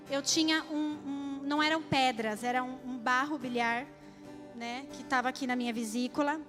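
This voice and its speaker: A woman with a high voice tells her story as a church testimony, turning often to the congregation. Her delivery is heartfelt and direct. A faint guitar plays behind her. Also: a bit bright. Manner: emotional, addresses the audience directly. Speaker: church speaker giving testimony. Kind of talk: testimony sermon.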